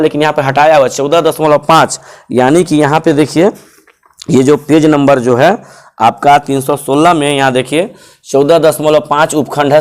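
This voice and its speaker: A male teacher explaining a syllabus to students, repeating points and checking that they follow. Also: medium pitch.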